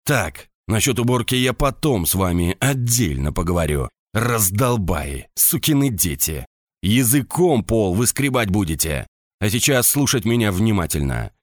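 A man voicing a hoarse, bullying drill sergeant who barks crude insults and commands at his soldiers in an audiobook. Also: on the low side, dry recording, clean studio sound. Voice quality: hoarse barking shouts.

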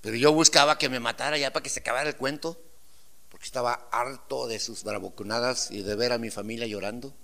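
Bright-voiced preaching man. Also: medium pitch, fairly even intonation, fast talker, gravelly. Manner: dynamic, swings from loud emphatic declarations to quiet asides; rhetorical questions to the congregation. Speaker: pastor. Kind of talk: sermon.

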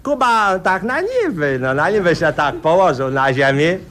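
A man spins a satirical tale in a rambling, folksy way. His voice sits high, and his talk is thick with fillers. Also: big pitch swings, normal speed, fairly bright tone, slight background noise. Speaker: comic storyteller. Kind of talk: satirical radio monologue.

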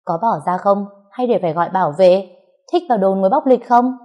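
A woman's voice: medium pitch, fairly quick, lo-fi sound, lightly acted. A woman voicing an arrogant young mistress who makes bossy threats. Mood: threatening.

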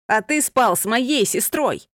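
A woman's voice: on the high side, expressive, measured pace, fairly bright tone, dry recording, clean studio sound. A woman voicing an impulsive young man who answers defiantly.

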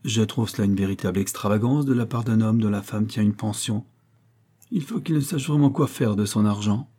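A man reading aloud voices a vain, pompous middle-aged widow who scolds her niece haughtily, with sudden rises in pitch. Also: fairly quick, warm tone, close to an everyday voice. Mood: haughty.

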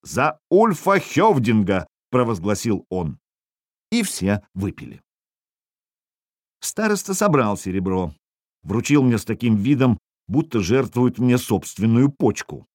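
A man narrates a first-person audiobook with a wry, expressive edge. His voice sits on the low side yet moves through a wide, animated range. The recording is dry and close. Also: unhurried, dry recording.

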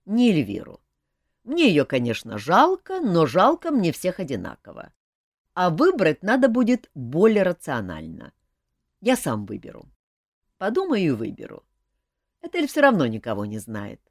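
A woman voicing a weary male king who speaks in a low, tired, measured way in an audiobook. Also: wildly swooping pitch, no room sound, studio quality, heavily acted. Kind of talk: audiobook character voice.

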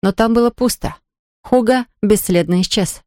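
A woman narrating a children's storybook with even, expressive reading. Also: mid-range voice, normal speed, dry recording, studio quality.

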